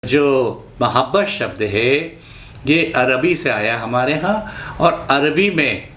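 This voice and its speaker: A man with a Nagpur accent teaching Urdu pronunciation, saying each word slowly and repeating it with care. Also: mid-range voice, sing-song, music in the background. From India. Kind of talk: slow instructional talk.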